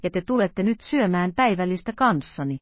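A woman reading the part of a boastful, loud-voiced male musketeer in an audiobook. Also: lowish voice, animated, no room sound, muffled recording, natural voice. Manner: loud, blustering.

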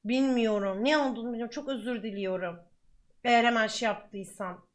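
A young adult woman streamer giving chatty, excitable reaction commentary with lots of exclamations. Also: fairly high pitch, brisk.

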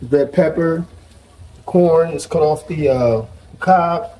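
A man's voice: fairly high pitch, takes it slowly, warm tone, low-quality recording. A man in his forties giving a casual cooking demonstration in a home kitchen, chatty and explaining each step, on a lapel mic. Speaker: guest cook.

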